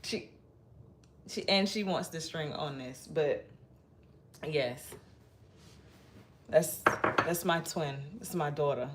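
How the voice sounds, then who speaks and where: The recording is very noisy as a middle-aged woman from Massachusetts, United States speaks low-pitched and slow, pausing often. She hosts a casual livestream, chatting shyly with viewers and rambling with many restarts.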